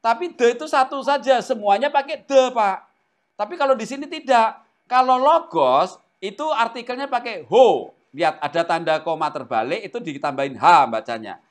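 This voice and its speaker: A man from Indonesia with a high voice speaks at a moderate pace while teaching a Greek language class. He is animated and keeps quizzing his students, asking the class questions often during the classroom lesson.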